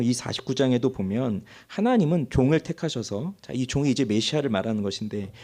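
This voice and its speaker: A man preaching a sermon as pastor at a Friday prayer meeting, emphatic, acting out quoted laments. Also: high-pitched. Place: church.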